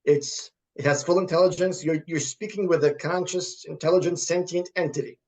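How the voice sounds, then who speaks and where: Halting high-voiced man, often repeating words. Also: fairly even intonation, a little mellow. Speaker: guest, computer science professor. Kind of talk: conversational interview.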